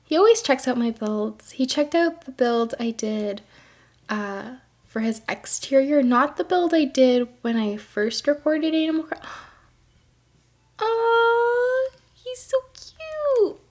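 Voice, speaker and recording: A woman's voice: a little high, unhurried, darkish tone. A woman chatting casually through gameplay commentary, her throat a little congested, often correcting herself mid-sentence and gushing over cute things. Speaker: gaming video creator.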